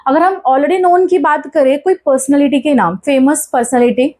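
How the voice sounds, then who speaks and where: Brief: high-pitched Indian woman, grammar teacher, asks and answers her own questions, drills the rules, mixes in English terms. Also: moderate pace, darkish tone. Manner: asks questions and answers them herself, repeats key points. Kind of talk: classroom-style grammar lesson.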